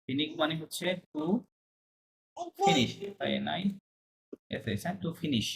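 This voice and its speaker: A patient French teacher walks through verb endings in an online class, mixing in English and French phrases and pausing often to check that students follow. Faint background noise sits under the voice. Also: medium pitch, wildly swooping pitch, creaky. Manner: mixes Bengali with English and French terms. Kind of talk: online language lesson.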